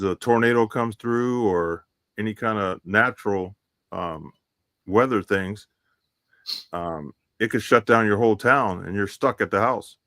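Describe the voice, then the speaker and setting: A man co-hosting a live survival podcast over a remote call, giving steady, matter-of-fact tips with frequent fillers. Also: on the low side, dry recording. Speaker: podcast co-host. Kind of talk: casual live-stream chat. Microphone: remote call connection.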